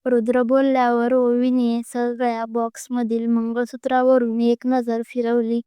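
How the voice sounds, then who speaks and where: A woman's voice: fairly high pitch, completely flat delivery, measured pace, warm tone, smooth, no room sound. A woman narrating a scripted romantic story, reading steadily.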